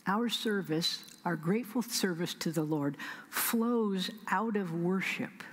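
A middle-aged woman with a Midwestern American accent delivers a sermon from the pulpit. Her voice sits a little low and sounds breathy, and she leans into slow, deliberate emphasis with some soft near-whispers. The sound carries the long reverb of a large sanctuary. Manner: measured preaching with slow emphatic pauses, soft whispered asides. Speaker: senior pastor. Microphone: pulpit stand mic.

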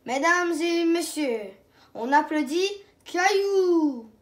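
A woman's voice: very high-pitched, animated, takes it slowly, exaggerated voice. A woman doing a playful stage shepherd. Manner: theatrical, announcing. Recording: roomy echo.

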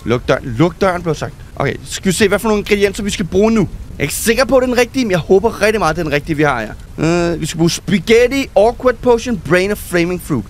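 A high-pitched man talks through a game with quick excitement. He reads the on-screen text aloud and sprinkles in English gaming words. Soft music plays faintly behind his desk-mic voice. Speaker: gaming YouTuber. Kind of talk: excited gameplay commentary.

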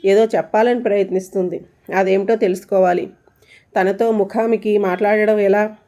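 A woman's voice: medium pitch, fairly even intonation, normal speed, warm tone. Woman telling a suspenseful story. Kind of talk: scripted story narration.

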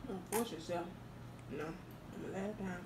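Quiet, strained woman off-mic. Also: lowish voice, moderate pace, roomy sound, noisy background. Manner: quiet, strained, mostly short hums. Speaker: vlog co-host. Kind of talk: casual challenge vlog chat.

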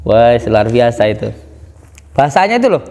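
A man giving a casual spoken account to a religious teacher, animated, his voice climbing high when he is indignant. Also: moderate pace. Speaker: guest speaking to a kiai. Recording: long hall reverb.

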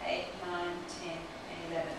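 A woman's voice: fairly low pitch, completely flat delivery, moderate pace. A woman in her forties, a trichologist, explains a technique step by step while working on a client in a small clinic room, recorded by a camera mic across the room. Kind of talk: hands-on instructional demonstration. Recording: roomy echo from a distant camera mic, clear background hiss.

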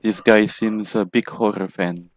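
Male gamer, very low voice, playful let's-play banter to a sidekick character. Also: steady tone, measured pace, no room sound. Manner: jokey, chats to an in-game companion. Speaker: gamer playing a horror game.

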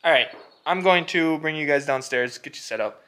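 Man, casual diy vlogger, thinking out loud, unsure, old barn. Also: a little high, moderate pace. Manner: unsure, thinking aloud with many fillers. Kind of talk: casual walkthrough talk to camera.

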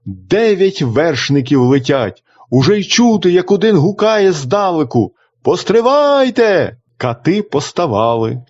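A man narrating a folk tale for children in an expressive reading style. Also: a little high. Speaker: storyteller. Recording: dull lo-fi recording.

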